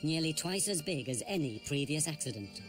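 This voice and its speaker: A man narrating a documentary in a measured, grave scripted delivery. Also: on the high side, animated. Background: music.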